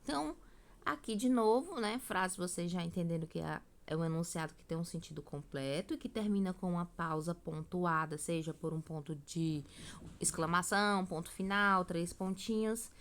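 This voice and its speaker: A woman's voice: on the low side, moderate pace, fairly bright tone. A woman, teaching a recorded grammar lesson, explaining step by step and often checking in with her students.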